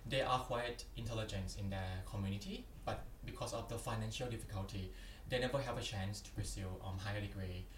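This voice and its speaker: Young thai guy w/ accent, lowish voice, earnest answers, echoey room kinda far off mic. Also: brisk, few pauses, fairly bright tone. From Thailand. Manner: earnest, plain phrasing with frequent "yeah" and "yep". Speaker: podcast guest, PhD candidate. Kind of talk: interview answers. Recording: roomy, distant from the mic, faint background noise.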